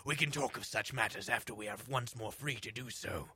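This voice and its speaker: A man voicing a hulking male barbarian warrior in a low, gruff growl. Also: a little fast, sharp tone, no room sound, exaggerated voice. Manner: low, growling, mock-stern.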